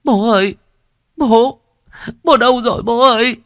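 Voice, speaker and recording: A man voicing a grieving young village girl in a high, crying voice in a storybook reading. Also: sing-song, fast, darkish tone, no room sound, studio quality. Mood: sobbing. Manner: high, sobbing cries.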